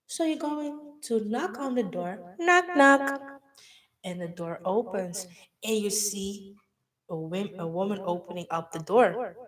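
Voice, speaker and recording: Woman meditation guide, effusive and rambling, mid pitch, slightly distant mic. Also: unhurried, darkish tone. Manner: dreamy, gushing, talks with many "like"s. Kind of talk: guided visualization.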